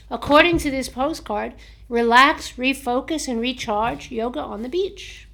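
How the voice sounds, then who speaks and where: An American woman with a high-pitched voice hosts a casual book show. She reads aloud haltingly from her notes and books, chatting and laughing at herself as she goes. Her throat sounds slightly sore. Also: creaky, a bit bright. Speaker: host of a book review show.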